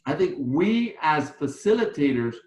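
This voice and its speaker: A man with a somewhat high voice co-hosts a live webinar and speaks earnestly as an instructor, often restarting his sentences. His voice comes over online meeting audio in a roomy, echoing space. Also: very animated, a little slow, darkish tone. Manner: earnest, with restarts and you-knows. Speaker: co-host and instructor. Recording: roomy echo.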